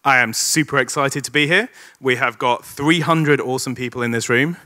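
A man's voice: mid-range voice, moderate pace, bright, forceful tone. A man giving the opening words and housekeeping announcements at a conference, upbeat and lightly joking, speaking into a stage microphone in a large hall.

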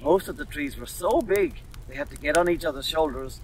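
Man reading a children's storybook. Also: on the high side. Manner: steady, measured storytelling. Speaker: storybook reader. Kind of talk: scripted narration. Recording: slightly distant mic, faint noise.

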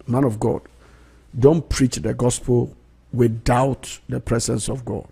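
A middle-aged pastor hosts a prayer broadcast from a small indoor radio studio, preaching emphatically and repeating key phrases. His medium-pitched voice is level, slow, gravelly, and warm with a breathy edge. He speaks into a close studio mic on a boom arm and wears headphones.

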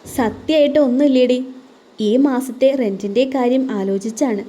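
A woman's voice: on the high side, moderate pace, mellow, lightly acted. A woman voicing a hurt, guarded young mother in an audio story, speaking in a subdued, weary way.

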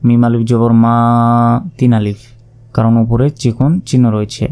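A man teaching Quran reading, spelling each word out letter by letter and then chanting it slowly and drawn out. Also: mid-range voice, flat delivery, mellow. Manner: slow drawn-out chanted recitation between spoken explanations. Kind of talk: spelling out recitation step by step.

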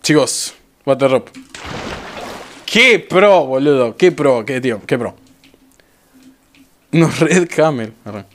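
A young man with an Argentine accent streaming a game, talking excitedly to his viewers and repeating phrases over and over. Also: medium pitch, slow, pauses often. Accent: Argentine Rioplatense Spanish. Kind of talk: live gameplay commentary.

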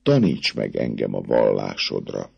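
Man reading a soft lovestruck young girl, still his low gravelly voice. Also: big pitch swings, muffled recording, exaggerated voice. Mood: tender. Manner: soft, tender. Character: young dreamy girl deeply in love.

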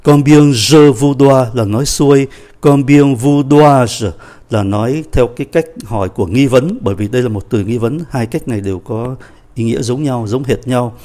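A man's voice: medium pitch, brisk, warm tone. A man teaching a French lesson, patiently repeating and explaining each phrase. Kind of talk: language lesson explaining a dialogue.

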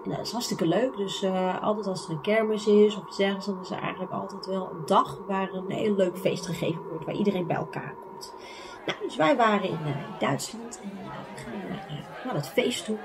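A young woman vlogger telling her own true ghost stories in a chatty way, full of fillers, sometimes dropping to a whisper and sometimes rising to excited shouts. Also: medium pitch, a little fast, crowd noise, noisy background. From Netherlands. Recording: music playing underneath.

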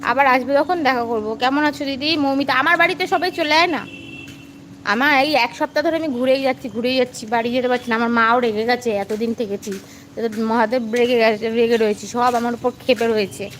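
A middle-aged woman with a high voice chats in a fond, lively way as a vlogger walking outdoors. She answers her viewers as they write in. Faint street ambience sits behind her. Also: fast, a little hiss or hum. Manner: chatty, affectionate, lively. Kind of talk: casual live-stream chat, answering viewer comments.

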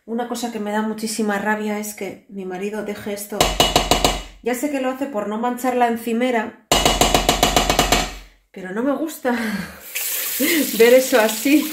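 Speaking at a measured pace with frequent pauses, a tired woman in her thirties rambles chattily into her phone camera, held at arm's length. Her voice is fairly high, with a Basque Spanish accent from her native Basque. The family vlogger's casual chat, full of weary asides, comes from an echoey tiled home kitchen with heavy background noise.

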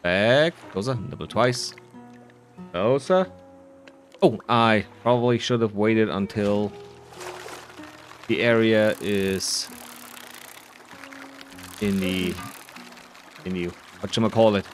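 Soft music plays as a fairly low-pitched gamer gives easygoing, playful commentary during his playthrough. He tends to talk to himself in long, drawn-out musings.

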